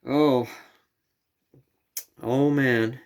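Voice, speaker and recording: A man's voice: medium pitch, steady tone, very slow. A man vlogging casually outdoors at night near a camper, rambling and correcting himself as he goes.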